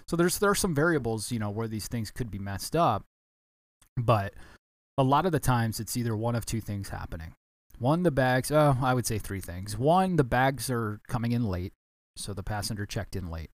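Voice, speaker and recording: A man's voice: mid-range voice, expressive, moderate pace, dry recording, clean studio sound. A man hosting a casual solo podcast, talking in a rambling way with many restarts and self-corrections, sounding a bit tired. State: tired, yawning. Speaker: podcast host, former baggage handler.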